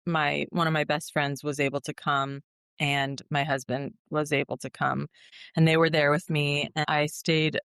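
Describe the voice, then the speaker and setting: Woman in her thirties, podcast guest, earnest, emotional, smooth clear voice, dry close sound. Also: low voice, a bit bright, no echo. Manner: earnest, emotional, many fillers and restarts. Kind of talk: personal storytelling interview.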